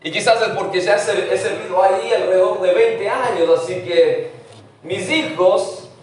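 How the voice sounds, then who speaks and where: High-voiced pastor preaching in echoing church. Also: male voice, moderate pace, far from the mic, a little hiss or hum. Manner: mixes English words into Spanish preaching. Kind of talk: sermon. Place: church sanctuary. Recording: very echoey church from afar.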